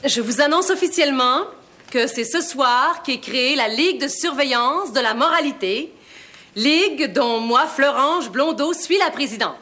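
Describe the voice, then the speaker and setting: A self-important moral crusader in a television period drama. The woman's voice is high and formally pompous, as if delivering a proclamation, over clear background noise. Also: expressive, unhurried, bright, forceful tone, heavily acted. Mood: pompous, solemn. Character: self-important lady president of a morality league. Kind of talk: 1940s-50s period drama speech. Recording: noisy, clicks.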